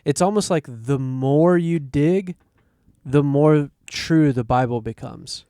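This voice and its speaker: A man's voice: on the high side, takes it slowly, warm tone, clear, resonant tone, no room sound. Man musing aloud, dry close sound. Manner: thinks aloud with many restarts and quoted asides. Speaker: podcast co-host. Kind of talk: casual conversation.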